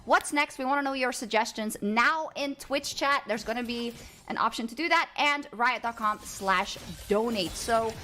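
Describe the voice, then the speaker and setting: A woman casting an esports match live, chatty and quick to react, laughing often. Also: a little high, pushed and bright, a little hiss or hum. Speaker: esports caster.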